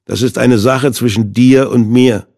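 A man voicing a desperate man who pleads, trying to sound calm and convincing, in a husky voice close to his own. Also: medium pitch, unhurried. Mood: pleading.

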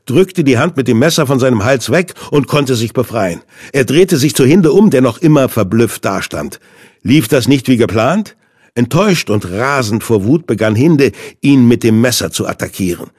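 A man narrating a thriller audiobook in a measured, suspenseful way, with a husky voice. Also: medium pitch, expressive, darkish tone, no echo, studio quality.

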